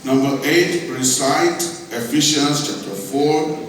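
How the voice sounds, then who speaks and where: A man's voice: a little high, slow, a little hiss or hum. A man acting as competition host, announcing at a Bible recitation contest. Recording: distant, very echoey hall with music.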